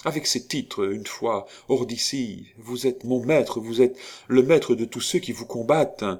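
A man's voice: mid-range voice, measured pace, darkish tone, breathy edge, voice pushed up. A man voicing a scheming young noblewoman who feigns distress, breathless and theatrical. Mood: urgent.

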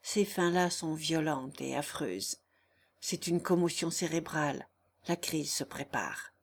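A grave male country doctor gives instructions with chilling calm, as a woman narrator puts him on. Her voice drops low for him and stays slow and measured, like a storybook reading. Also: full character voice. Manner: cool, matter-of-fact.

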